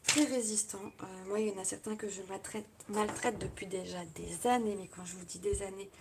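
A woman's voice: mid-range voice, fairly even intonation, brisk. Chatty French woman narrating a craft tutorial. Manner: chatty, narrates each step with little "hop" and "voilà" asides. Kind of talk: casual live crafting tutorial. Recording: loud background noise with clicks.

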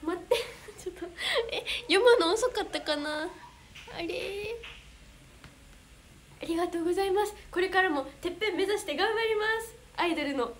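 A young woman with a Kansai accent talks to her viewers in a high, sweet voice. She chats casually, giggles often and gets flustered easily. A faint hiss sits behind her close-miked voice. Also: moderate pace, long pauses. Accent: Kansai Japanese. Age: young adult. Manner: bubbly, giggly, flustered exclamations. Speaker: idol livestreamer reading fan comments. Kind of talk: casual livestream chat.

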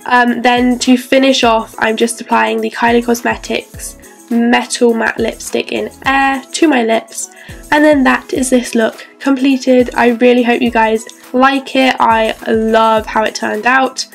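In a bedroom with a clothes rail and faint music in the background, a young adult beauty vlogger walks through a makeup tutorial. Her fairly high voice has vocal fry, little pitch movement and an unhurried pace, and she sounds stuffy from a cold while staying bubbly and chatty with frequent "so yeah."

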